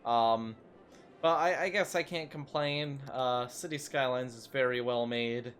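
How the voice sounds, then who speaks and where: A man's voice: medium pitch, measured pace, fairly bright tone. Guy chatting over his city builder game, jokey and self-deprecating, faint music in the background. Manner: chatty, self-mocking, rambling asides. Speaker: gaming YouTuber. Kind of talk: casual gameplay commentary.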